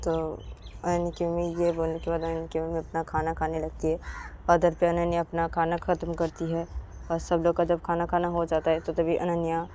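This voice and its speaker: A woman's voice: lowish voice, monotone, brisk, mellow, a little hiss or hum. A woman telling a romantic story in casual narration, linking each step with the same connecting phrase. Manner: repetitive linking with "to tabhi".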